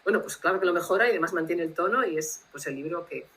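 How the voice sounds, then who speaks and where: A woman translator, telling anecdotes in a lively way and acting out dialogue over a video call. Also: lowish voice, quick pace, low-quality recording. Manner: lively anecdotal storyteller who acts out dialogue. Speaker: literary translator, guest. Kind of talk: casual storytelling interview.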